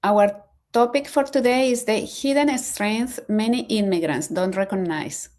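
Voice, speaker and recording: A woman's voice: mid-range voice, unhurried, darkish tone. Woman from Colombia with "eh" fillers. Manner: short phrases with "eh" fillers. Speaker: panelist.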